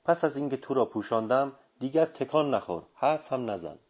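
A man voicing a calm, stern older sorcerer who gives terse commands in an audiobook reading. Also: mid-range voice, husky. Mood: calm, firm.

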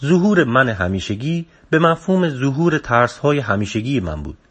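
Man, audiobook narration, steady, subdued, mid-range pitch. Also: slightly rough. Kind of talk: reading a book aloud.

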